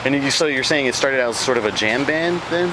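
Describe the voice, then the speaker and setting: A man interviewing a band in a relaxed, halting way with many fillers, outdoors by a street. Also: mid-range voice, over a noisy crowd, low-quality recording. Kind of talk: casual interview. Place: outdoors behind a bar by a street. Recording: outdoor street noise, traffic. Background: passing cars.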